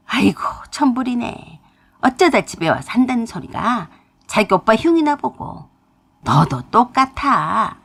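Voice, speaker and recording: An angry elderly mother scolds and reproaches, her husky voice rising and falling widely, as a woman puts her on. She is bitter and harsh in a storybook radio tale. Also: on the low side, voice pushed down, heavily acted.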